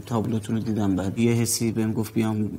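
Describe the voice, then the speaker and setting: A man's voice: on the low side, flat delivery, dark tone, slight background noise, natural voice. A man in his twenties playing a film's lead, narrating in voice-over as a young man struggling to keep his anger in check. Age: 20s. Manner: tense and clipped, grows agitated.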